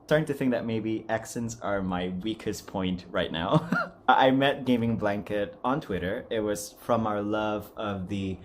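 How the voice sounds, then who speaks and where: Another turn from the amateur voice acting challenge host, who keeps things casual, chatty, giggly, and self-deprecating. His pitch is fairly low, his delivery a little slow, and there's slight background noise.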